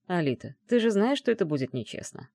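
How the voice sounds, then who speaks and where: A woman voicing a calm, stern young male mage who speaks quietly and with restraint. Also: fairly low pitch, fast, vocal fry, no echo, clean studio sound, exaggerated voice. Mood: calm, warning.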